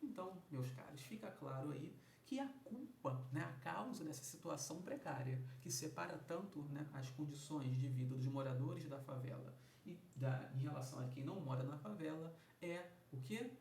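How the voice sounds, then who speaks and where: A man teaching an exam review lesson, who slows down and stresses words loudly when breaking them into sounds. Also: animated, creaky. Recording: echoey room, mic at a distance, faint rumble.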